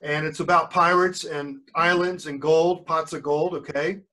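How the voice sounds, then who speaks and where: The grandfather reads unhurriedly in a fairly high, pushed and bright voice whose intonation stays fairly even. On a video call with screen sharing, he frequently stops reading to children to explain words and see that they're following, in chatty asides.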